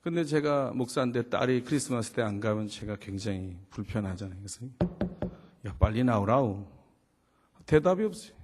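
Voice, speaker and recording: A man's voice: animated, fast talker, few pauses, a little mellow. A pastor in his fifties preaching a sermon in a conversational storytelling way, asking rhetorical questions and acting out dialogue. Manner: acts out dialogue with rising pitch and volume.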